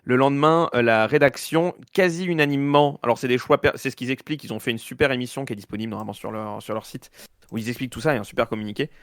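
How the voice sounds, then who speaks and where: A man's voice: medium pitch, racing, fairly bright tone, no echo, clean studio sound. A man with a slight lisp, his s slushing toward sh, discussing news in a casual, slangy way with sarcastic asides. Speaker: panelist.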